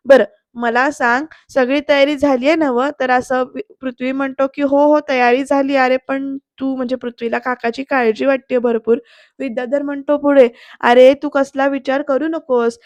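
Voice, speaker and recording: Woman doing a serial recap voiceover, high voice, kinda flat, dry close sound. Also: no echo. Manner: retells scenes, quoting each character's lines in turn. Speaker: serial episode reviewer. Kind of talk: voice-over retelling of a TV serial episode.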